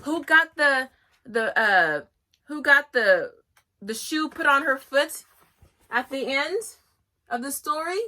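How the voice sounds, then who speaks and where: A bright, chatty woman who reviews books for homeschoolers gives a casual review and reads excerpts aloud. Her high voice is expressive and slow, with frequent pauses, and she is enthusiastic, often restarting and laughing.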